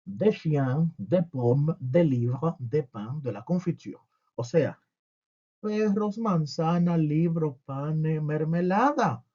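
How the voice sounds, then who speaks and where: Lively husky-voiced man teaching French. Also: fairly high pitch, slow pace, lo-fi sound. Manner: lively, jokey, asks and answers his own questions. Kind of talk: humorous language lesson.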